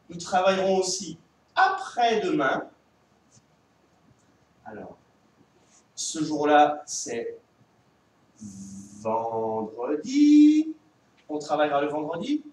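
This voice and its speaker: A man with a French accent teaching young children from home, his voice high for a man and lifting in a sing-song line. He talks slowly and patiently, stretching his words. He sounds set back from the mic in a very echoey room. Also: wildly swooping pitch, recorded from a distance, slight background noise. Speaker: kindergarten teacher. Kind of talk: remote classroom lesson for young children.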